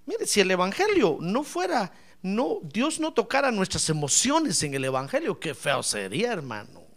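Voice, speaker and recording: Male pastor with a gravelly voice and a very lively pitch; playful sermon style that swings between shouting and soft asides. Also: moderate pace. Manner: animated, playful, asks the congregation questions; bursts into shouts then drops to soft asides.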